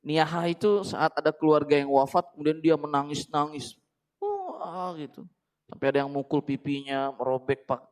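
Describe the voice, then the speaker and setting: A man leads an easygoing religious study session in a slightly higher voice. He talks to his listeners as if chatting, stops to ask them questions, and corrects himself as he goes. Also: level tone, brisk, darkish tone, poor audio. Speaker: Islamic teacher. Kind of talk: casual religious book study.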